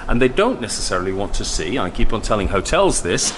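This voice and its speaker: A male interviewer with a lowish voice chats with a panel at a quick clip, winding through his questions and tagging them with asides. The recording carries a clear layer of background noise. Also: big pitch swings. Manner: chatty, rambling, with frequent "okay?" and "you know".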